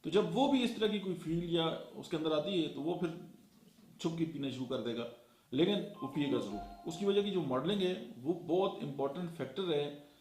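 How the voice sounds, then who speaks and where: A man's voice: a little high, darkish tone. Lecturing man in an echoey room. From Pakistan. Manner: lecturing, counts points off one by one with many fillers. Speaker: motivational speaker. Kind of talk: motivational talk.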